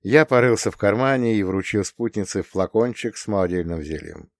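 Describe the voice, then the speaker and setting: Man, audiobook narration, lively intonation, dry close sound. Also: fairly low pitch, fairly quick, no room sound. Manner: expressive, first-person storytelling. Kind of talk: scripted narration.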